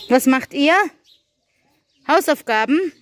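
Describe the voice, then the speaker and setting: Chatty woman with a lively voice. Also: high voice, takes it slowly, no room sound. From Germany. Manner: chatty, animated, mixes in simple English. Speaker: vlogger. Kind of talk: casual vlog chat. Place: farmyard with animal pens.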